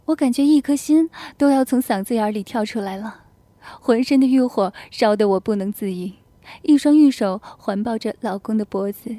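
A woman reading an erotic audio story in the first person, in a soft, hushed narrating voice. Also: on the high side, moderate pace, dry recording.

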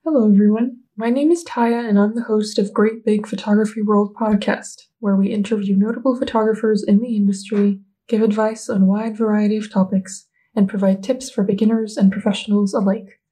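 A woman's voice: medium pitch, mellow, husky, poor audio. A woman hosting a podcast interview, encouraging her guest with frequent murmured agreement. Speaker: podcast host.

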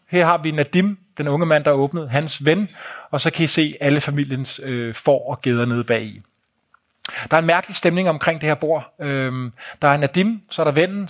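A man telling a travel story to an audience in a live talk, vivid and blunt, with swearing and pointing out photos. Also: a little high.

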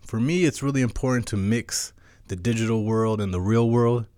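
A man's voice: medium pitch, moderate pace, a little mellow, no echo, studio quality. A man hosting a crypto show in an explanatory monologue, talking like a crypto bro with slang and hype. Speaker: host of a weekly crypto show.

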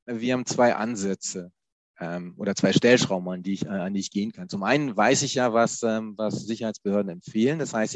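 A man's voice: lowish voice, no echo. A man explaining password security in a conversation, with frequent hesitations and restarts. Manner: hesitant, many fillers and restarts. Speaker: IT security expert guest.

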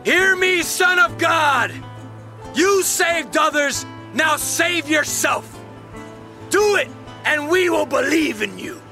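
An actor playing a cruel bystander who shouts mockery at a crucifixion in a radio drama. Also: male voice, very high voice, animated, slow pace, heavily acted. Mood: jeering. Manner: shouting, mocking. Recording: music underneath.

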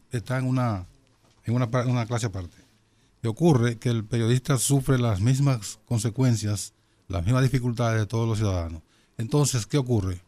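A man with a Caribbean Spanish accent speaking in a panel discussion, haltingly, repeating words as he builds his point. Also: mid-range voice, mellow. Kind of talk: panel discussion on current affairs.

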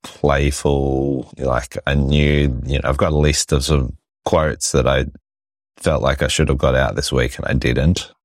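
A man chatting casually on a podcast, reflective, with a husky, sick voice that is giving out. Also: rumbling low, level tone, unhurried, dry recording, studio quality. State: sick, voice giving out after losing it. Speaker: podcast host. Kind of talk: casual chat.

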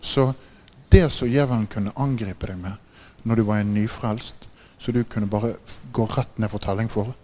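A man preaching a sermon, telling stories with growing excitement, laughing often and checking in with listeners by asking "right?". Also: few pauses, a little hiss or hum. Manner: gets louder and higher in excited passages. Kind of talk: sermon with animated storytelling.

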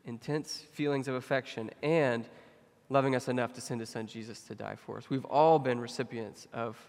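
Young male pastor, loose and conversational preaching, middle-pitched voice, hall reverb. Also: moderate pace, gravelly. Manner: conversational, many fillers, animated when telling stories. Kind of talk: sermon.

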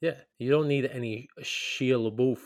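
A man's voice: mid-range voice, moderate pace, darkish tone, no room sound, clean studio sound. A man co-hosting a podcast in casual chat, making wry joking asides. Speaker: podcast co-host.

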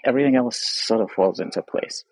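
A man's voice: medium pitch, brisk, darkish tone, no echo, poor audio. A man in his fifties, speaking as a guest in an interview and reflecting earnestly, with frequent "sort of" and "you know". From Trinidad. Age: 50s. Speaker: guest artist.

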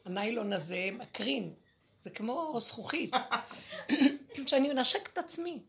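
A woman's voice: a little high, very animated, creaky, a bit bright. A woman sharing spiritual experiences with a small group, impassioned and exasperated, often repeating her words. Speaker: group sharer.

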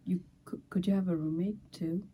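A young woman guest in a casual chat, making dry, deadpan remarks. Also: lowish voice, a little fast, slightly rough, dull audio. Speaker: podcast guest, former roommate.

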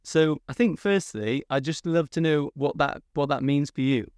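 A man hosting a podcast in a relaxed, friendly way, with lots of "um" and "uh". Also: on the high side, normal speed, clean tone, no echo, clean studio sound. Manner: relaxed, filler-heavy, friendly. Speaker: podcast host, co-founder. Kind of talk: casual interview chat.

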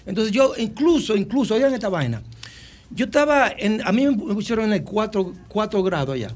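A man with a Dominican accent and a fairly high voice tells his story as a radio guest. He talks in an animated way and often stumbles and repeats himself as he restarts a sentence. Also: a little fast. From Dominican Republic. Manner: animated, many restarts and repetitions. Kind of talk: casual storytelling interview.

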